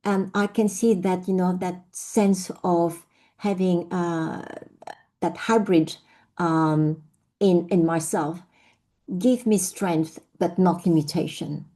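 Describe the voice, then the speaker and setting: In an online session, an invited speaker, a middle-aged Frenchwoman with a French accent, reflects on her personal story with many fillers and restarts. Her voice is lowish and mellow, her tone steady, and she takes her time.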